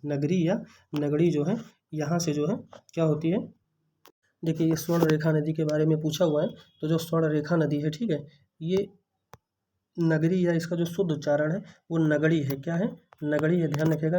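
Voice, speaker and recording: Guy tutoring through an exam paper, kinda high voice, flat delivery, bit of hiss behind. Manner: repeats answers as quick questions to himself.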